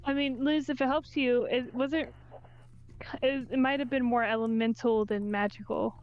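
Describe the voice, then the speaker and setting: A woman's voice: a little high, steady tone, normal speed. A woman talking casually as a player in a tabletop role-playing game. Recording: slightly dull audio over music. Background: music.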